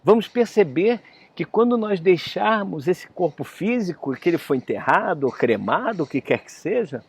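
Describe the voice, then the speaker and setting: Guy telling a story in a spiritist talk, raspy voice, chatty, lots of tag questions. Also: high voice, sing-song, moderate pace. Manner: conversational, often adds "né?". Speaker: spiritist lecturer. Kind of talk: storytelling sermon.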